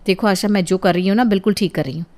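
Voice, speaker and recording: A woman voicing a strict, quick-tempered mother in a cartoon, scolding her daughter. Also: medium pitch, a little mellow, natural voice. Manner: scolding, exasperated. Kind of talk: cartoon voice acting.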